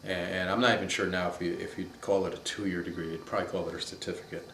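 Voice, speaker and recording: Deep-voiced man in his fifties reminiscing. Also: steady tone, fast, a bit bright, slight background noise. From upstate New York, USA. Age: 50s. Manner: thoughtful, storytelling, searches for words. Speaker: interviewee. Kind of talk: reminiscing interview. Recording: echoey room.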